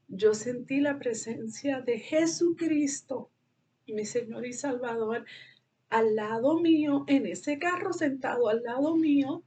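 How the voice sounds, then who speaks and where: High-voiced, slow, earnest woman. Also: a little mellow. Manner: earnest, heartfelt, rhetorical questions. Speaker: speaker giving a personal testimony. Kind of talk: personal religious testimony.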